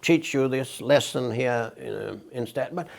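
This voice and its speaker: Speaking a little slowly in a gravelly, medium-pitched voice, an older man from Denmark answers interview questions as a guest. He is a peace researcher, and his replies are outspoken and emphatic.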